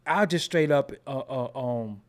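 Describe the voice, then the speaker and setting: Speaking a little slowly in a mid-range voice, a man with a New York accent delivers casual vlog commentary. It's loose and profane, and he often asks "you know what I'm saying."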